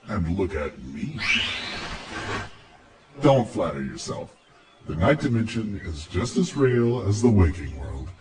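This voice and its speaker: A man does character voice acting as a cocky, teasing, androgynous dream spirit guide, sardonic, playful and theatrical. His voice is lowish and a little mellow, picked up by a distant mic.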